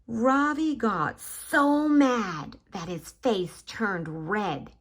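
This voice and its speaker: A woman with a medium-pitched voice hosts children's story time, reading a picture book aloud slowly and expressively. She speaks directly to the children and gives key words dramatic emphasis.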